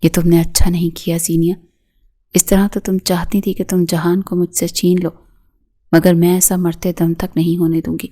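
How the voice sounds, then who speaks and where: A woman's voice: fairly low pitch, level tone, natural voice. A woman reading the part of a jealous, furious young wife who hurls insults. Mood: spiteful. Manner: spiteful, shouting insults.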